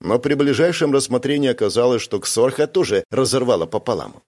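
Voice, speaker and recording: A male reader narrates a first-person science-fiction audiobook at mid pitch. His telling is steady and even, with no rush. It is a plain scripted narration. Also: a little fast.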